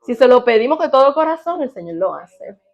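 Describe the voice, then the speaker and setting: A woman preaching a sermon in an animated way, often asking her congregation questions. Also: high-pitched, fairly quick, lo-fi sound. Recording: audio of a sermon.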